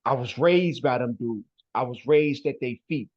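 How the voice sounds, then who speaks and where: A man's voice: medium pitch, moderate pace, darkish tone. Emphatic man, dull lo-fi sound. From west side of Chicago. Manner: emphatic, ends phrases with "man" and "bro". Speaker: guest. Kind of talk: casual interview talk.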